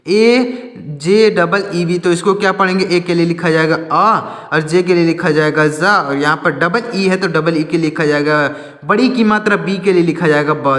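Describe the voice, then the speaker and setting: A man teaching a slow reading lesson, spelling words out letter by letter, asking and answering his own questions and often correcting himself. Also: on the high side, a bit bright, reverberant, big-room sound.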